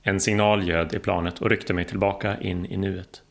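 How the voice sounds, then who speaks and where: A man's voice: low-pitched, flat delivery, creaky. A man narrating an audiobook with a dry, wry delivery.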